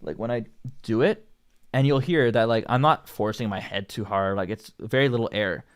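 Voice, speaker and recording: Speaking at a moderate pace in a lowish, clean-toned voice, a young Canadian-accented singer who hosts a channel casually discusses his vocal development on a livestream. He rambles, leaning on plenty of likes and ums.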